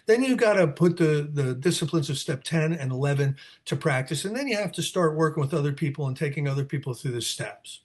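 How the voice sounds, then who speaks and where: This guest speaker at a recovery meeting is a man in his 60s from New Jersey with a voice on the high side, heard through a video call. Rambling and candid as he answers questions, he repeats words and goes off on tangents.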